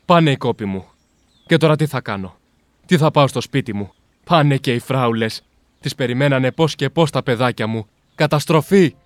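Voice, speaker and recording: A man's voice: medium pitch, dry recording, natural voice. A man playing a poor, hard-working farmer and father in a storybook reading, plain and heartfelt. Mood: distressed. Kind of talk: storybook character voice.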